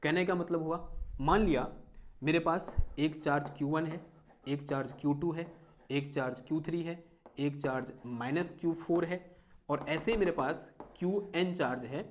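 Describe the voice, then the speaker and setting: A man teaching physics, running a live demonstration and asking the class questions before answering them himself. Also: on the high side. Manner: dictates headings slowly, mixing in English terms.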